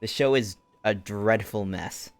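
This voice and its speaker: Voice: medium pitch, measured pace, dry recording, faint music behind. A game streamer chatting casually while playing, with playful, amused asides. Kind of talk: casual commentary while playing a game, reading dialogue aloud.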